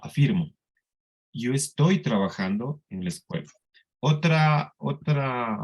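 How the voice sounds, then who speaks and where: This is a man with a Colombian Spanish accent teaching a class. He talks at a slow, deliberate pace in a mid-range voice, and he often checks that his students understand. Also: medium pitch. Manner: slow, patient explaining with frequent checks for understanding. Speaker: English teacher. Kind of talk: classroom lesson.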